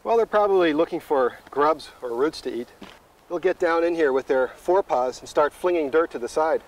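A man's slightly high voice, at a normal speed, comes through poor audio. He is a middle-aged wilderness guide walking across open coastal tundra, explaining things in a practical, instructional manner.

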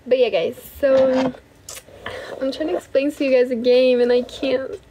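Holding a phone at arm's length in her bedroom, this young adult livestream host from Brazil chats relaxedly with viewers, thanks them frequently, and sometimes changes languages. Her high voice moves at a moderate pace, with a little hiss or hum.

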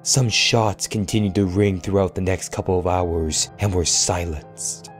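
A man giving a dramatic first-person horror story reading in a grave, deliberate manner, trailing off quietly at phrase ends. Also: sits low, steady tone. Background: faint music.

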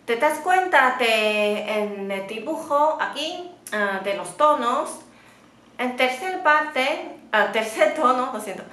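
A woman's voice: on the high side, a bit bright, reverberant. A woman whose first language is Mandarin Chinese, teaching a patient beginner lesson and checking in often with "¿sí?". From Taiwan. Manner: patient, drawn-out demonstrations with many checking "¿sí?".

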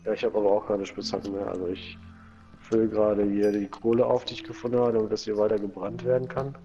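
A man chatting easily while playing a game, slangy and quick to cheer his finds. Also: fairly low pitch, little pitch movement, warm tone, lo-fi sound, soft background music. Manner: easygoing, slangy, exclaims over finds. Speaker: Let's Play commentator. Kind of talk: casual gaming chat.

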